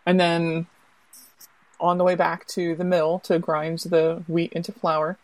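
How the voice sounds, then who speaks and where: Woman guest author, casual and animated, lower voice, restarts a lot. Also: measured pace, no room sound. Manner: chatty, animated, restarts phrases. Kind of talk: casual podcast chat and storytelling.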